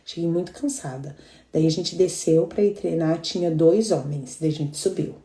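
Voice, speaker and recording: A woman's voice: deep voice, normal speed, warm tone, echoey room. A middle-aged Brazilian woman leading a live devotional, chatting and telling stories with frequent laughter. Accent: Brazilian Portuguese. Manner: chatty, storytelling, laughs often. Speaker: devotional group leader.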